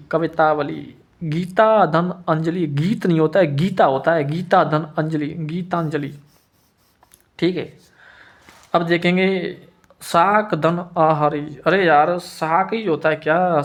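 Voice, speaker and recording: A man's voice: on the high side, fairly bright tone. A man teaching a grammar class who repeats each point, asks his students questions and answers them himself, with informal asides. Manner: informal asides, thinks aloud.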